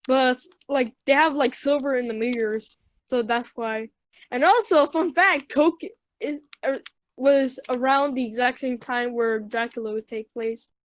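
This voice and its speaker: Brief: young woman from Mexico, high voice, rambling podcast co-host. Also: unhurried. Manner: rambling, tangent-prone, full of fillers. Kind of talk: casual chat.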